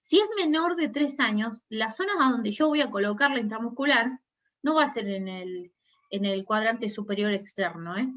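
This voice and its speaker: A woman's voice: fairly high pitch, animated, moderate pace, fairly bright tone. Rioplatense woman teaching, dull call audio. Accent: Rioplatense Spanish. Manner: explanatory, checks understanding with frequent tag questions. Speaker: nursing instructor. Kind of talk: online class lecture.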